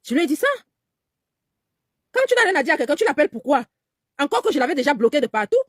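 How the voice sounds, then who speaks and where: A woman with a fairly high voice vents her anger in a personal monologue. She is insistent and repeats her phrases, sometimes mimicking someone else's pleading tone. The sound is dry and close. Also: very animated, fast, a bit bright, no room sound. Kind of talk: angry personal video monologue.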